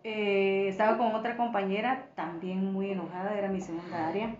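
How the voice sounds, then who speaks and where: A woman's voice: mid-range voice, moderate pace. Young woman, chatty interview guest, laughs easily; roomy room, dull sound. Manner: laughs often, animated storytelling. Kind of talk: casual conversation. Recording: roomy, muffled podcast audio.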